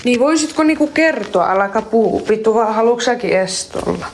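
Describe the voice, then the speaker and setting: A woman's voice: fairly high pitch, animated, noisy background. A woman live-streaming, talking to her chat in a heated, profane way and arguing back at them. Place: outdoors in a public place.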